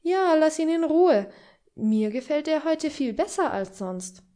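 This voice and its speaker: A woman doing a bright, teasing society lady, Käthe. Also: high-pitched, animated, unhurried, voice pushed up. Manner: teasing, eager questioning. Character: lively society lady Käthe, curious and flirtatious. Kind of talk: audiobook reading.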